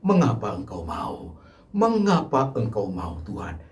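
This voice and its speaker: A man with an Indonesian accent preaching a Good Friday sermon, moving between hushed pleading and loud, impassioned appeals to the congregation. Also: fairly low pitch, huge pitch swings, measured pace, slight background noise. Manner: addresses congregation repeatedly as brothers and sisters. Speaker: pastor.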